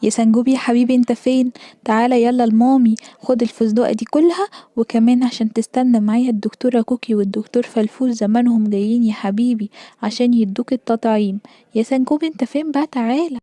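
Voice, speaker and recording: A woman's voice: a little high, fairly even intonation, quick pace, mellow, no room sound, lightly acted. A woman voicing a loving but firm mother squirrel with an Egyptian Arabic accent, coaxing and motherly.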